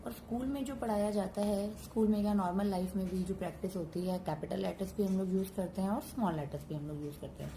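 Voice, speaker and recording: A woman's voice: mid-range voice, fast, few pauses, mellow, a little hiss or hum, poor audio. A woman hosting a home-teaching tutorial, patiently going through letter sounds one at a time. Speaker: teacher and channel host.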